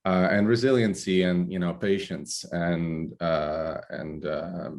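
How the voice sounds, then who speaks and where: Deep-voiced Italian-accented man, halting. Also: little pitch movement, a little mellow. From Italy. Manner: halting, many fillers and restarts. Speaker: guest, climate researcher. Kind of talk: podcast interview.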